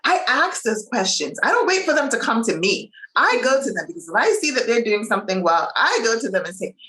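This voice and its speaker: A woman's voice: fairly high pitch, a little fast, roomy sound, rough recording. Woman from Bermuda, interview guest, emphatic, preacherly, motivational. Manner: animated, preacherly, emphatic with faith references. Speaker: nurse and coach.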